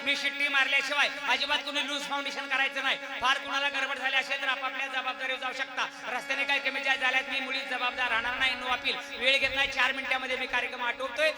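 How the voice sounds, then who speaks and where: High-voiced man preaching comic folk verse. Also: completely flat delivery, fast talker, few pauses. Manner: declamatory, rhetorical, jokey. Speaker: folk devotional comic performer. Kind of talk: comic devotional sermon. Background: loud folk music.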